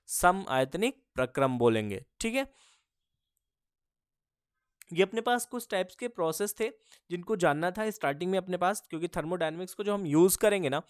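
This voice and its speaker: Teacher going over terms, asks then answers, smooth clear voice, dry close sound. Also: mid-range voice, no room sound. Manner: asks a question and answers it, repeating key terms; addresses students as kids. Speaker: physics teacher. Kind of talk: classroom-style lecture.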